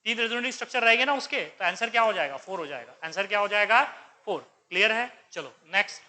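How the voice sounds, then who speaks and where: A man's voice: high voice, lively intonation, fast talker, pushed and bright. A man teaching chemistry, working through an exam paper and firing repeated questions at his students, mixing English science terms into his Hindi. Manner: quizzing students with repeated questions, calls them beta. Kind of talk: exam paper discussion lecture.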